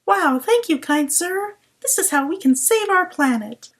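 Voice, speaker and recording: A woman's voice: very high-pitched, animated, measured pace, fairly bright tone, pitched above the performer's own voice, exaggerated voice. A woman voicing a gullible, clueless alien visitor who talks in an eager, naive way.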